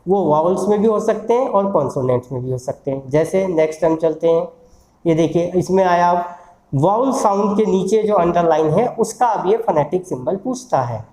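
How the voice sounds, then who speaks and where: An English teacher giving a recorded lesson on phonetic symbols, who says example words again and again, slowly, to model their pronunciation. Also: medium pitch, animated, warm tone, roomy sound, low-quality recording. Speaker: English teacher at a law institute.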